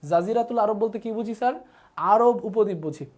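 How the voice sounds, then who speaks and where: A man's voice: sits high, fairly quick, darkish tone. A man with a Bangladeshi Bengali accent teaching a live online class, repeating terms and asking viewers to comment. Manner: repetitive drilling, asks viewers to comment.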